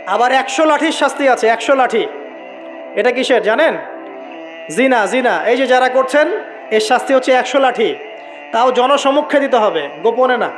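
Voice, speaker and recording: Preaching at a normal speed but with long pauses, this Bangladeshi man has an extremely high voice. His Islamic waz sermon is emphatic, built on repeated key phrases and rhetorical questions to listeners, over background music.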